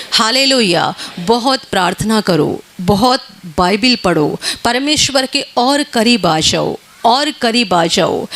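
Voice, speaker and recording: A woman's voice: on the high side, a bit bright. A woman preaching a sermon, urging prayer and often repeating hallelujah. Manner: repeats hallelujah, urgent exhortation.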